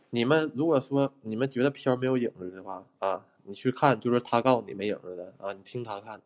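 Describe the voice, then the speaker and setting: A slightly rough, a little mellow, medium-pitched male voice belongs to a ghost hunter broadcasting live from an abandoned building. He talks to viewers bluntly, curses along the way, and thanks them for the gifts they send.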